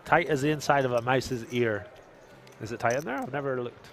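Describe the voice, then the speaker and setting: A man's voice: medium pitch, brisk. A male poker commentator on a live stream. He trades jokes with his co-host and reads viewer chat aloud between hands.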